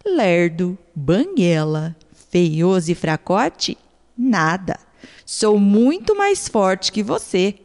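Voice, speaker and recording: A woman voicing a clever, quiet tortoise in a storybook tale, calm and deliberate. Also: mid-range voice, full character voice. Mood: defiant. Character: small clever quiet tortoise, sly trickster. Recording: long hall reverb.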